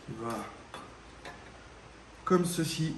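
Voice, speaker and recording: A man's voice: on the high side, extremely slow, echoey room, a little hiss or hum. A man doing a casual workshop vlog about a car repair, speaking straight to the viewer in slangy, casual speech and swearing when things go wrong. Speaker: home mechanic showing a car repair. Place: garage workshop.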